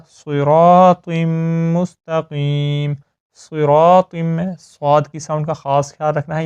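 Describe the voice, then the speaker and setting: This Quran recitation teacher gives a tajweed lesson with slow recitation, explaining step by step and checking in with "ok?". His voice is clear, resonant, slightly high and a little mellow, and he comes across as methodical and patient.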